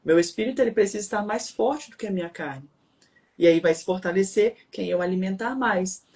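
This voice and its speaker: Speaking briskly in a mid-range, slightly mellow voice, a married Brazilian woman co-hosts with a Brazilian Portuguese accent. Her adult delivery is preachy and forceful, packed with rhetorical questions.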